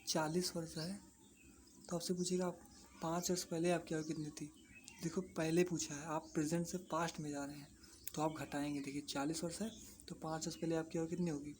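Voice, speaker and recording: A maths teacher walks students through a lesson in an even, unvaried tone. They go over each step twice, asking a question and answering it themselves. Faint birdsong and low background noise sit behind the voice. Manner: repeats points, asks and answers own questions. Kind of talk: explaining a lesson to exam students.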